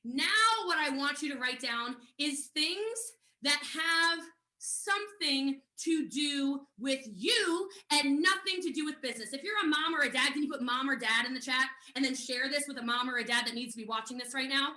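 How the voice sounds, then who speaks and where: A high-voiced American woman leads a live online network marketing training from home. She talks fast, chatty and direct, and her bright voice carries a noticeable room echo. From United States.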